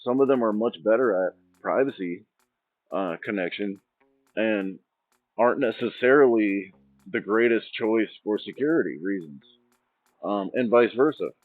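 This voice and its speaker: A man's voice: on the low side, moderate pace. A man hosting his own channel, talking in an informal, meandering ramble that restarts thoughts mid-sentence. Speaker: channel host. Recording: tinny phone-like sound, dry, faint music.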